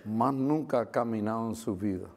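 A man's voice: fairly low pitch, moderate pace. A middle-aged male preacher giving a sermon with personal testimony, talking conversationally with frequent tag questions and bits of English mixed in.

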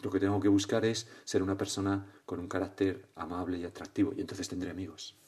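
Mellow-voiced Spanish priest, gently reflective. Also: male voice, sits low, little pitch movement, fast. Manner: reflective, conversational, with frequent questioning tags. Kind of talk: guided prayer meditation.

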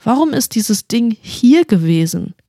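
A woman's voice: a little high, very animated, unhurried, warm tone, no echo, studio quality, full character voice. A woman voicing a bold, brash young witch girl in a fantasy audiobook. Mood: relieved, puzzled.

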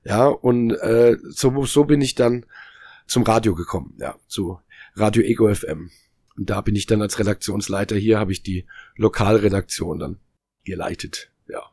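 Gravelly man in his late forties. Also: lowish voice, moderate pace, a little mellow, no room sound, clean studio sound. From Germany. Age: 40s. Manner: rambling, many restarts and fillers. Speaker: podcast guest. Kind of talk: casual chat.

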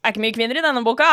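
A young woman from Norway chats in a joking, sarcastic way, faking outrage and laughing often. Her voice sits a little high. The sound is dry and close, with no room around it. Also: fairly bright tone, clean tone, dry recording. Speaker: manga club member presenting a book. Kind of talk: joking casual chat.

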